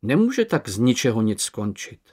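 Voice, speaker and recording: Man voicing calm Moomintroll. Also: mid-range voice, breathy edge. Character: young male troll, calm and curious. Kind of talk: audiobook character voice.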